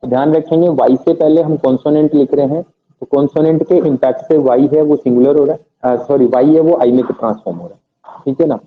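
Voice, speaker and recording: A man's voice: medium pitch, fairly quick. Man teaching grammar over tinny audio. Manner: asks the class questions and answers them himself, spells words letter by letter. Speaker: English teacher. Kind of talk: classroom grammar lesson.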